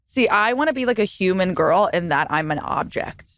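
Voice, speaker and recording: A woman co-hosting a podcast in casual chat, animated and playful, often jumping into comic bits. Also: fairly low pitch, moderate pace, dry recording, studio quality. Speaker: podcast co-host.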